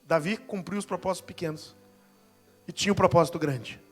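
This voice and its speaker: High-voiced joking preacher, forties. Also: male voice, fairly quick, soft background music. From Brazil. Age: 40s. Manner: humorous, acts out Bible scenes in voices. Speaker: pastor. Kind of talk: sermon. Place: church.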